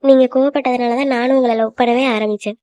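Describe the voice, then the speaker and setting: A woman's voice: fairly high pitch, fairly even intonation, fast talker, dry recording, natural voice. Woman doing a shy young cartoon sweetheart, reassuring, dry close sound, dull lo-fi audio. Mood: fond. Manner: gentle and reassuring. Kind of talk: cartoon voice acting.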